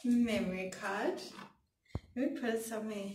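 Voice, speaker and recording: A woman's voice: medium pitch, moderate pace. A young woman from South Africa gushing and giggling as she unboxes a camera for her vlog. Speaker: vlogger. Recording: echoey room, far from mic, clear background noise.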